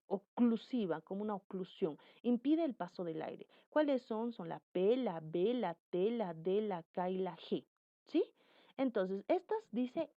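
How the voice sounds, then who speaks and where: A woman teaching a lesson on consonant sounds, who repeats example words slowly and speaks straight to the viewer. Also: medium pitch, dry recording, lo-fi sound. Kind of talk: phonetics lesson.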